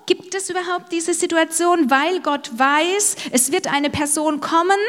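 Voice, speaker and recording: A woman preaching a sermon, telling the story in a lively way and acting out what the speakers say. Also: very high-pitched, measured pace. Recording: long reverb of a large hall.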